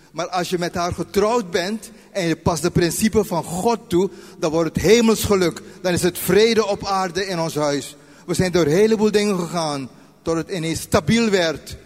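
A retired man in his sixties preaching a sermon, dropping to quiet asides and slowing down when he reads scripture. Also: high-pitched, in a large hall. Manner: varies loudness widely, slows for scripture.

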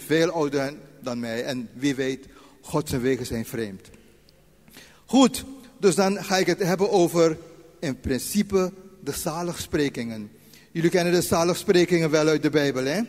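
A retired man in his sixties preaching a sermon, dropping to quiet asides and slowing down when he reads scripture. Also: a little high, big-room sound. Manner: varies loudness widely, slows for scripture.

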